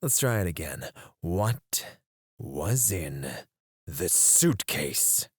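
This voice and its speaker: Voicing a menacing mercenary interrogator for an ASMR piece, a man speaks low and taunting right at the mic, at times whispering. His exaggerated voice stretches words out, swings widely in pitch, and sounds slightly rough, all in a dry recording.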